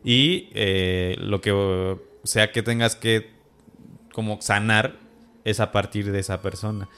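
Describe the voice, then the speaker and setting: A man's voice: fairly low pitch, steady tone, slow, fairly bright tone, clean tone. A man, hosting a casual podcast interview and chiming in with short agreements. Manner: attentive, frequent short agreements. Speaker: podcast host.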